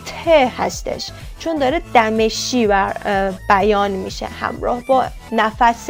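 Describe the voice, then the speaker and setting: Woman, language teacher, higher pitch, faint music underneath, slow repeated sounds. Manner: repeats sounds slowly, addresses viewers as kids. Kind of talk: explaining Korean consonants.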